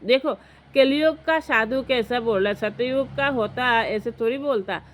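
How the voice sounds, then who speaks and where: A woman's voice: a little high, measured pace, fairly bright tone, a little hiss or hum. A woman from Assam telling a story and giving earnest advice in a chatty vlog. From Assam, India. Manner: chatty, retells dialogue, gives earnest advice. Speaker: vlogger. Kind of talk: casual storytelling to camera.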